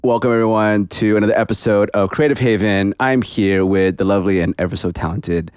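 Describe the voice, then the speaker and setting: A man hosting an interview show, chatting casually and joking with his guest, quick to laugh. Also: lowish voice, fairly even intonation, a little mellow, clean tone, no echo. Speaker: podcast host.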